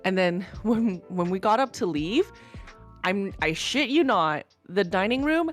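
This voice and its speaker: A Canadian woman co-hosting a podcast, a lively storyteller who laughs often in casual chat. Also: mid-range voice, unhurried, soft background music. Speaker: podcast co-host.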